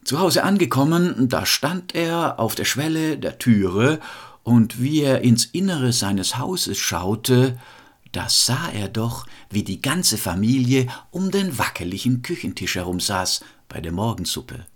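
A man telling a fairy tale in a lively, expressive storytelling style. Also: mid-range voice, unhurried.

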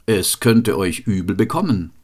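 A man voicing a stern older gatekeeper of heaven who speaks slowly and gravely in a fairy tale reading. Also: on the low side, lively intonation, a little mellow. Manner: slow, grave, warning.

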